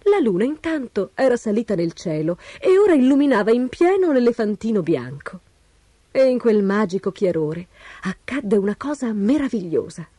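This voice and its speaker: Expressive woman reading a storybook. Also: a little high, normal speed, no echo. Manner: expressive, animated.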